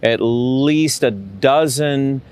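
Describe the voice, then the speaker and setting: A man's voice: medium pitch, drawn-out words, a little mellow. American man recalling, faint noise behind. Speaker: TV meteorologist. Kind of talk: reflective interview recollection.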